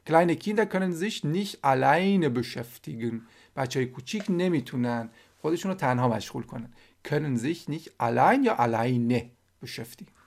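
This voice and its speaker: A man's voice: medium pitch, expressive, creaky. Persian-speaking man teaching German phrases. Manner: switches between slow, careful German example sentences and quick Persian explanations. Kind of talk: language lesson.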